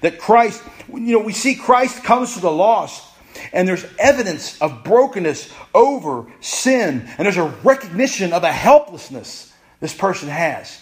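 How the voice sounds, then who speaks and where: Guy preaching, kinda high voice, punchy, repeats himself, speeds up then drags. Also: sing-song. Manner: emphatic, repeats phrases, pace swings from rushed to slow. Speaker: pastor. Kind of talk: sermon.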